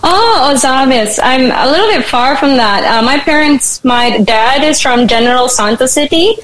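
A young woman in her twenties with a Filipino accent and a fairly high voice, her first language Tagalog. She talks in a bubbly way with ready laughs, answering questions as a guest over a remote call line. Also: animated, normal speed, fairly bright tone, low-quality recording. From Philippines. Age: 20s. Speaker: interview guest. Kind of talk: casual interview.

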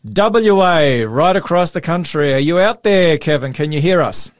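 A man's voice: a little high, expressive, normal speed, no echo, studio quality. Enthusiastic Australian man on radio. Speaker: radio co-host. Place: radio studio. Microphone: studio mic.

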